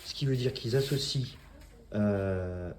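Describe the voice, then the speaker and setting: A man's voice: fairly low pitch, slow pace, a little mellow, roomy sound, slight background noise. A man, a dog breeder, talking casually to camera about his puppies, hesitant with many fillers and restarts.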